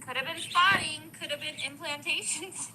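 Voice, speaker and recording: A woman in her forties giving live-stream commentary on videos, emphatic and opinionated and getting loud when she is passionate. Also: high voice, moderate pace, very noisy.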